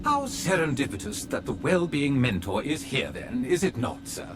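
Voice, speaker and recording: A man's voice: on the high side, big pitch swings, normal speed, noisy background. A man voicing a polite, fawning male butler robot who is formal and obsequious and calls his master sir, in video game dialogue. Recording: game audio with background music.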